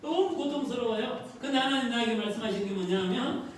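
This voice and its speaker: A woman pastor delivers an earnest sermon in a high voice, putting questions straight to her congregation. Her voice rings through a very echoey church hall, picked up from a distance. Steady background noise sits under the sound. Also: a little fast. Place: church sanctuary.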